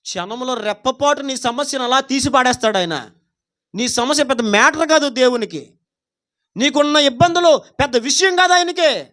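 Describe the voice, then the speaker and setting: A man's voice: very high-pitched, normal speed, fairly bright tone. A man preaching a Sunday worship sermon in church. He speaks fervently and puts many rhetorical questions to the congregation. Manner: acts out quoted pleas dramatically. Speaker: pastor. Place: church service.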